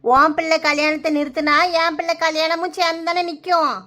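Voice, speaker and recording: A woman's voice: very high voice, level tone, fairly quick, sharp tone. A woman voicing a kindly older village woman in a cartoon, reassuring in a Kanyakumari Tamil accent. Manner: soothing, reassuring.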